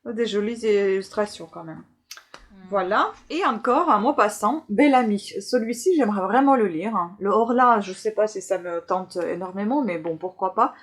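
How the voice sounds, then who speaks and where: Presenting her book haul item by item, a woman talks to her viewers in a relaxed, chatty way, though she's hesitant and frequently pauses on fillers. Her mid-range voice has lively intonation.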